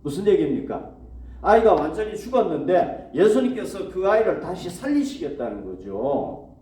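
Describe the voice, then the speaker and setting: A man preaches a sermon in a slightly high but mellow voice, putting questions to his congregation and answering them himself. He is recorded from a distance in an echoey church hall. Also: very animated, moderate pace. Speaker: pastor.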